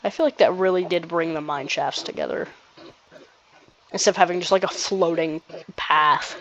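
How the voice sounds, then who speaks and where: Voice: medium pitch, normal speed, a bit bright, lo-fi sound. A gamer giving casual gameplay commentary, rambling and restarting sentences with nervous laughs.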